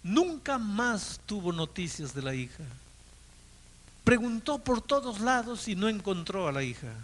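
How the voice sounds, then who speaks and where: Slow, high-voiced preacher telling a story. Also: male voice, very animated, poor audio. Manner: dramatic storytelling, swings from hushed to loud emphatic peaks. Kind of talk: evangelistic sermon, storytelling.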